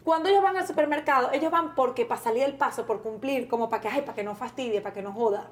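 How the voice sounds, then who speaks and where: A high-pitched woman with a Venezuelan accent, in her thirties, co-hosting a playful talk show. She rants in an animated, exasperated way and acts out quotes as she vents. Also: quick pace. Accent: Venezuelan Spanish. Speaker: co-host. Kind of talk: casual comedic banter.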